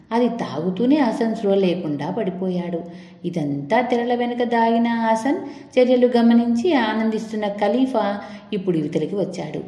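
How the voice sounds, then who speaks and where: A woman narrates a folk tale in a steady, measured way, with a soft, mellow tone. The recording sits in a roomy space with a long trailing reverb. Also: mid-range voice. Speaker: storyteller. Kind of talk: story narration read aloud. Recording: echoey room with long reverb.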